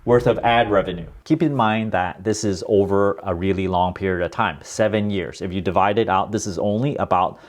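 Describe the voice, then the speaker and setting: A man's voice: low-pitched, fairly quick, few pauses. A man hosting his own channel, chatting candidly and matter-of-factly about his earnings in a casual talk to camera. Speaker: personal finance YouTuber.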